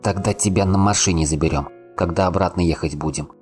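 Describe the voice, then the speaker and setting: A man voicing a weary young soldier who speaks quietly and thoughtfully. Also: deep voice, quick pace, soft background music, lightly acted.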